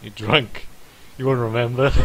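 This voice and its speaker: Foul-mouthed gamer rambling. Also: male voice, mid-range voice, a little slow, gravelly, a little hiss or hum, poor audio. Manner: profane, rambling, swears constantly. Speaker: gaming YouTuber. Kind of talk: let's play commentary.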